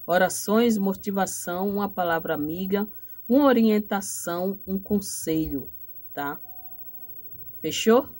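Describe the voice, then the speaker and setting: A woman's voice: mid-range voice, a little slow, darkish tone. Brazilian woman, tarot reader on camera, affectionate and motherly, repeats herself, preachy and full of blessings. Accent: Brazilian Portuguese. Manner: affectionate, repetitive, ends phrases with "tá?". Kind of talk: direct-to-camera tarot reading.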